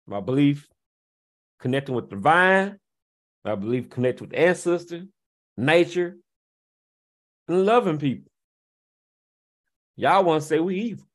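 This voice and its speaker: High-voiced man ranting mockingly. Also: very animated, measured pace, long pauses. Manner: mocking, taunting rhetorical questions with scornful laughs. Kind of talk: confrontational rant to camera.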